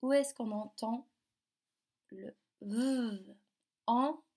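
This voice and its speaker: A woman teacher giving a phonics lesson to young children, slowly sounding out syllables and words. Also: fairly high pitch, a little mellow. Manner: slow, carefully articulated, sounding out syllables. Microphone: device camera.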